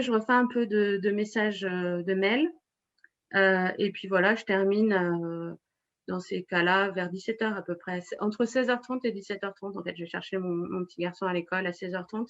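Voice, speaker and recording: A woman in her forties, a web writer and blogger, talks in a casual interview, full of fillers and restarts. Her voice is medium in pitch, and the audio sounds dull.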